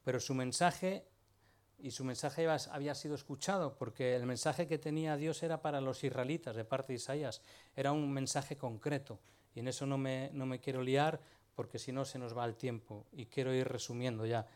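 A man's voice: medium pitch, fairly even intonation, a little fast, darkish tone, clear, resonant tone. A man preaching a sermon, talking to the congregation in a conversational way and often asking them rhetorical questions.

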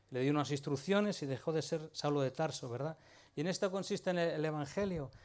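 A man's voice: on the high side, clean tone. A man preaching a sermon, talking to the congregation in a conversational way and often asking them rhetorical questions.

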